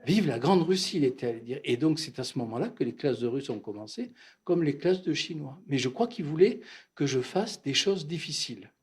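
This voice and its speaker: An older man from Algeria, a psychoanalyst, telling his memories at a bookshop talk in a halting, reflective way, often repeating words. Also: mid-range voice, lively intonation, a little mellow. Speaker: psychoanalyst, guest speaker. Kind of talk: reminiscing talk at a bookshop event.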